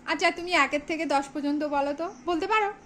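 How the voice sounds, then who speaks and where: High, bright woman coaxing a child. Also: fast talker, slight background noise. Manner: coaxing, repeating prompts, mock scolding. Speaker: parent tutoring a small child. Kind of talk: home reading lesson with a child.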